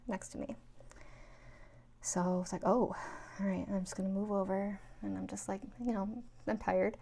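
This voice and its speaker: A woman from New York shares stories in a loose, chatty vlog style, leaning on "like" and "um" as she goes. Her voice is mellow and dark, with plenty of gravelly fry. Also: mid-range voice. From New York, USA. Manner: chatty, rambling, with many 'like' and 'um' fillers. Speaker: spiritual vlogger. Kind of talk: casual storytelling.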